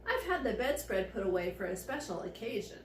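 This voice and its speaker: A woman's voice: medium pitch, sing-song, fairly quick, distant mic, natural voice. A tipsy, slightly drunk woman voicing a prim, tender male angel from a story, fussy and a little proud. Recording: echoey room with faint background noise.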